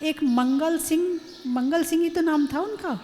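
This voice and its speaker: Woman preacher, high voice, slow emphatic sermon, long hall reverb. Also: dark tone. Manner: slow, emphatic, repeating phrases to the audience. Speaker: Jain nun preacher.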